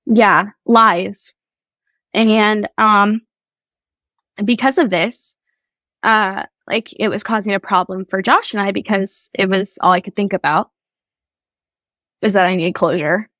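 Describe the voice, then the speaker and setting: Woman, podcast guest, personal testimony, earnest and halting, slow unhurried delivery, dry close sound. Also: medium pitch, steady tone, fairly bright tone, no room sound, poor audio. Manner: halting, earnest, many fillers and restarts. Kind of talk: personal faith testimony, casual storytelling.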